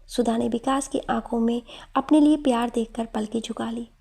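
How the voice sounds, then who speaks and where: A woman narrating an emotional romantic story in a steady, emotive storytelling manner. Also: fairly high pitch, moderate pace, gravelly, slightly rough.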